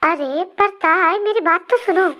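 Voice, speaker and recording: A woman's voice: extremely high pitch, unhurried, pushed and bright, full character voice. Woman voicing a nagging sister-in-law. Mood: scolding. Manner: complaining, scolding.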